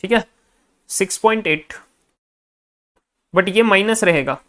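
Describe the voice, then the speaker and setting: A man's voice: high-pitched, takes it slowly, fairly bright tone. Man tallying numbers aloud in a lecture. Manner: tallies numbers aloud, half to himself; coaching tone, addresses students directly. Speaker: finance lecturer. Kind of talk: recorded classroom lecture.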